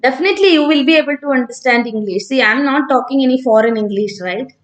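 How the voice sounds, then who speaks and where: A woman's voice: high voice, animated, fast. A woman from Kerala with a South Indian accent, teaching informally on a live stream and talking conversationally as she answers students. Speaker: online physics teacher.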